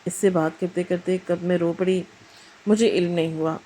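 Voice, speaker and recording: A woman voicing a secretive, anxious teenage girl of about fifteen in a storybook tale, speaking quickly and evasively. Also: lowish voice, steady tone, mellow, slight background noise, close to an everyday voice, rough recording.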